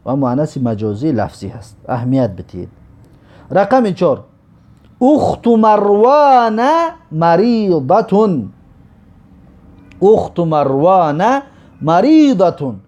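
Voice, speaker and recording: Male teacher, mellow tone, walks through each example slowly and repeats it. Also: on the high side. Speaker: Arabic grammar teacher. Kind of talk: recorded grammar lesson.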